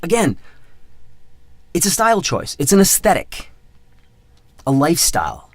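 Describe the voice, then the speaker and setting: A man's voice: on the high side, huge pitch swings, measured pace, dry recording. A man in his thirties hosting his own podcast in a casual, rambling monologue, mocking himself and repeating his words. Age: 30s. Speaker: podcast host.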